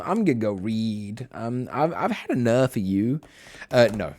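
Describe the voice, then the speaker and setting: A chatty man chatting with his stream audience, his low voice rising and falling a lot. The sound is close and dry, with no room around it. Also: darkish tone, no echo. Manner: chatty, reads chat messages aloud, frequent fillers. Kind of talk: casual chat with viewers.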